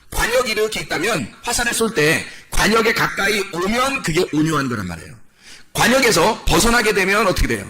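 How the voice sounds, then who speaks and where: A male pastor preaching a sermon in a church, animated and full of rhetorical questions to the congregation. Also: high-pitched.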